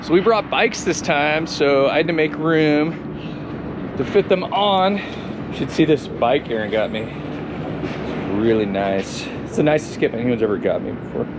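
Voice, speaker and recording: A man casually narrating his road trip to viewers in a relaxed, chatty way, talking into a handheld camera. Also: on the high side, measured pace. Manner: laid-back, chatty, talks to viewers as "guys". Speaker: travel vlogger. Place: outdoors and in vehicles on a road trip. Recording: outdoor recording with traffic noise.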